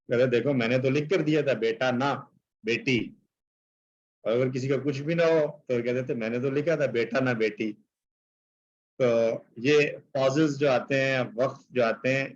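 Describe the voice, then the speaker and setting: A man's voice: mid-range voice, dull audio. A male teacher giving an explanatory lecture, reciting Arabic verses and translating them, with many filler phrases.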